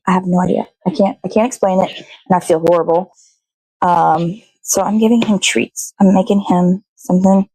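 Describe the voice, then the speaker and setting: A woman with a fairly low, husky, dark voice talks at a normal speed in a steady tone, swearing freely and rambling to herself while she cooks. She hosts a daily puppet show, and the low-quality recording has no echo.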